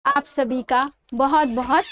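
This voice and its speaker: A woman's voice: sits high, steady tone, takes it slowly, fairly bright tone, slight background noise. A woman reading a life story aloud, explaining words and repeating verses.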